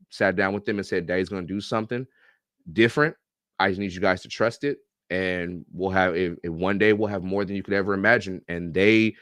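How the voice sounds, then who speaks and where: A man's voice: low-pitched, dry recording, clean studio sound. A middle-aged man telling stories on a podcast in a casual, joking, profane way. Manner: animated, profane, joking storyteller. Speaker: guest, YouTube reactor and coach.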